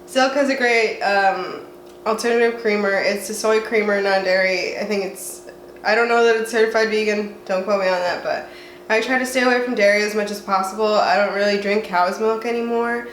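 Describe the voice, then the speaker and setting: Congested from a cold, a young woman from the American Southwest vlogs from home in a chatty, wandering, self-deprecating way. She speaks in a mid-range voice with fairly even intonation at a moderate pace, captured with echo and faint room noise.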